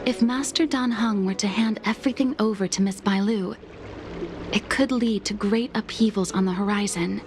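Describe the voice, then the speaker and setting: In this game dialogue, a woman voices a devoted young maid who addresses others earnestly, with formal courtesy. Her mid-range voice moves at normal speed and sounds close to everyday speech. Music plays beneath the audio.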